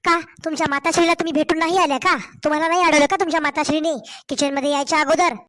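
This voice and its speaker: A hoarse young wife, voiced by a woman for a cartoon story, pouring out complaints in a Marathwada Marathi accent. Her voice is high and steady. She pleads and protests. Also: very fast. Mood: aggrieved. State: hoarse from a cold. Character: young wife and mother, aggrieved daughter-in-law.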